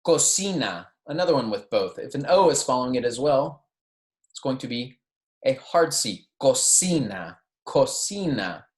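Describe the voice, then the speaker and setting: Speaking at a moderate pace in a medium-pitched, sing-song voice, a Spanish teacher introduces pronunciation, modelling words for the class to repeat. She checks in regularly, and the audio is echoey and roomy.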